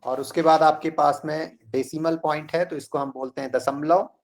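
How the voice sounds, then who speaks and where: A man teaching an online math class in a slow, deliberate way, reading out numbers digit by digit. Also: on the high side, steady tone.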